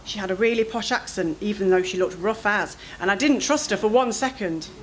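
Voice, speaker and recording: A woman reading her own first-person fiction aloud at a literary event, in an expressive, anxious storytelling manner. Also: mid-range voice, brisk, slight background noise, rough recording.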